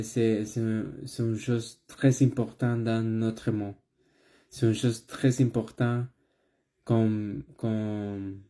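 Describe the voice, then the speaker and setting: A man who is not a native French speaker, with a foreign accent in French, gives an informal religious message, haltingly and repeating words as he searches for them. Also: medium pitch, warm tone.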